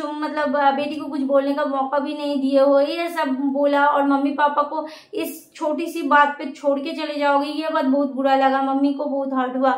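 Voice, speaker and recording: A woman vlogger telling a family story in a casual, rambling way, with many pauses and restarts. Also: high voice. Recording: echoey room.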